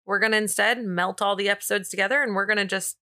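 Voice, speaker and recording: A woman co-hosting a podcast talks quickly at medium pitch, with fairly even intonation and a pushed, bright sound. She chats casually and tells playful, informal stories laced with slang.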